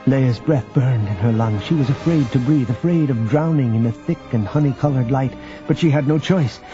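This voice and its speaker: A man narrating an audiobook in scripted narration, with even, measured storytelling. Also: mid-range voice. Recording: dull audio with faint background music.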